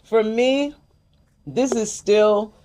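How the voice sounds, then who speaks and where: A woman's voice: on the high side, fairly even intonation, drawn-out words, warm tone. Older woman chatting while tasting snacks. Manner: chatty, reads package text aloud. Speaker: host. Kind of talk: casual chat.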